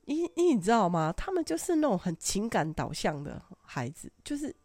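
Lively older woman. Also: mid-range voice, moderate pace, dry recording. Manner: laughs often, animated anecdotal telling. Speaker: podcast host. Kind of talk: casual storytelling.

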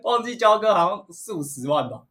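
A man's voice: sits high, very animated, fairly quick, pushed and bright. A man in his thirties with a Taiwanese Mandarin accent, co-hosting a podcast in casual chat and joking as he tells stories. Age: 30s. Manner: jokey, laughs while telling stories. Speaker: podcast co-host.

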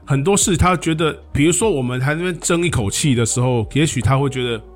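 A middle-aged man co-hosting a podcast, chatting casually and rambling, with lots of quick repeated agreement. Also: mid-range voice, soft background music. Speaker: podcast co-host. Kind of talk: casual chat.

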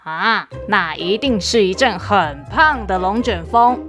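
A woman's voice: mid-range voice, expressive, measured pace, fairly bright tone, soft background music, voice pushed down. A woman voicing a small, curious beetle in a children's storybook, nosy and matter-of-fact.

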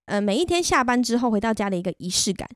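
A woman's voice: fairly high pitch, big pitch swings, fast, dry recording, studio quality. A woman with a Taiwanese Mandarin accent, hosting a podcast and telling a personal story in a candid, chatty, self-deprecating way. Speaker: podcast host. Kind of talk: casual personal storytelling monologue.

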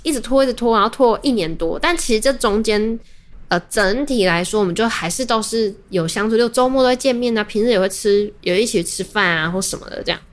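A young adult woman hosting a podcast tells a personal story, talking quickly in a fairly high voice. Her delivery is casual and rambling, with lots of restarts.

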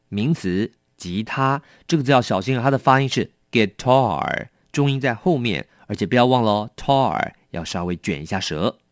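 A man teaching English vocabulary, explaining each word slowly and mixing Chinese with English. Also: mid-range voice, no echo, studio quality. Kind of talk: bilingual vocabulary lesson.

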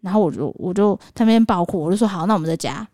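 A woman, telling a story about her toddler to her podcast co-host in casual chat, vivid and animated. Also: medium pitch, rapid-fire, no echo, clean studio sound. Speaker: mother of a toddler.

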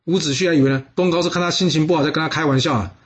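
A man telling a history story casually, with drawn-out particles and asides to listeners. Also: fairly high pitch, steady tone.

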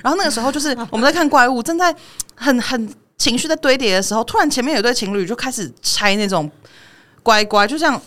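A young woman with a Taiwanese Mandarin accent talks very fast, venting about strangers in a heated rant peppered with swearing. Her voice sits a little high and swoops all over the place. She is hosting a casual podcast chat. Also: lively intonation, fairly bright tone. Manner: heated ranting, swears freely, acts out people it mocks. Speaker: podcast host.

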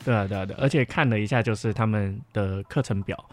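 A young adult man with a fairly low voice talks at a quick pace, chatting casually as a guest on a podcast. Background music plays behind him.

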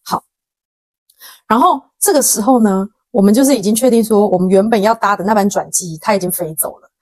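Fast-talking Taiwanese woman podcaster. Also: medium pitch, no room sound. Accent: Taiwanese Mandarin. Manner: animated, dramatic retelling with quoted dialogue and slang. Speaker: podcast host. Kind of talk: casual storytelling monologue.

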